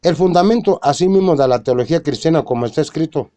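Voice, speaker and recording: A man reading a religious argument aloud in a measured way, quoting scripture and citing chapter and verse. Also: on the high side, animated, dark tone, no room sound. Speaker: religious lecturer.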